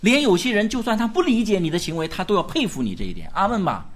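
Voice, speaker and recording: A male pastor preaching a sermon at a church gathering, animated, firing rhetorical questions and urging the congregation to answer loudly. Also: high-pitched, quick pace.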